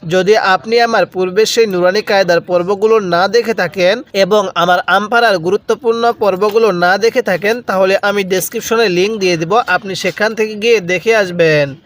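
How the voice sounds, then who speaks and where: A man teaching Quran recitation step by step, chanting Arabic words slowly and drawn out, then explaining quickly. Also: high voice, steady tone, a bit bright. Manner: repeats words for the viewer to copy.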